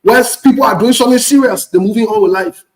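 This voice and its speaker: Fast and fairly high-voiced, a West African man from Ivory Coast goes on an unscripted political rant in an echoey room. Like an online commentator, he's blunt and indignant and leans on repetition to hammer his points.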